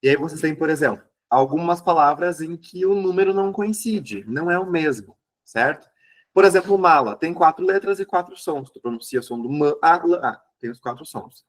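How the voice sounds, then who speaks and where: A man's voice: a little high, animated, normal speed. A male teacher, giving an exam review lesson and checking in with listeners as he explains. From southern Brazil.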